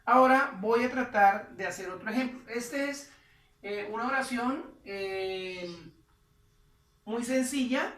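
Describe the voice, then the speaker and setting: Woman teaching grammar slow and patient, sounds far off in an echoey room. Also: fairly high pitch, fairly bright tone. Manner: patient, explains step by step; drawn-out English example sentences. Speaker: English teacher. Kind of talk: slow whiteboard grammar lesson.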